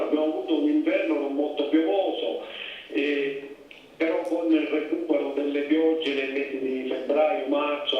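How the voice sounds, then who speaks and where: A man from Sicily, a wine institute expert, reports to a conference over a speakerphone, measured and informative with frequent hesitant fillers. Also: medium pitch. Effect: heard over a speakerphone in a hall. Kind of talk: spoken technical report to a conference. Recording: muffled, distant, echoey speakerphone in a hall.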